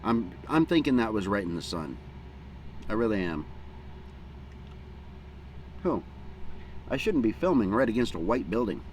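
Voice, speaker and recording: A man's voice: fairly low pitch, big pitch swings, measured pace, pauses often, a little mellow. A middle-aged American man chatting casually and unhurriedly outdoors in a folksy, plain-spoken way, with a pipe in his mouth between puffs. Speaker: vlogger. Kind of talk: casual rambling outdoor chat. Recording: clear background noise, outdoor hum.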